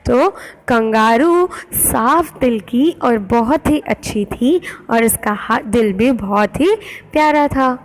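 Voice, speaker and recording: A woman schoolteacher with an Indian English accent, giving a recorded English lesson and explaining it in Hindi, slow and careful in English, quicker in Hindi. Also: slight background noise, low-quality recording. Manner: teacherly, rises in pitch on questions to students. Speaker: school teacher.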